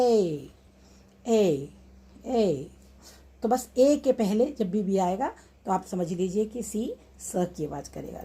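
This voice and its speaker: A woman teaching English spelling, speaking slowly and deliberately and drawing words out syllable by syllable. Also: mid-range voice, mellow, slightly rough, poor audio. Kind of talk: explanatory lesson.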